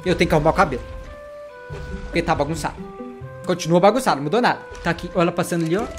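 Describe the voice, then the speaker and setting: A man giving jumpy, excitable let's-play commentary and talking to his viewers. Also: a little high, very fast, music in the background. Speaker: gaming vlogger.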